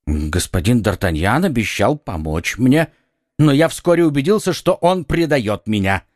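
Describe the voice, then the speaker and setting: A man's voice: very animated, normal speed, darkish tone, dry recording, clean studio sound, natural voice. A man voicing a frightened, pleading middle-aged shopkeeper in an audiobook reading. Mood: anxious. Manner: high, anxious, exclaiming pleas.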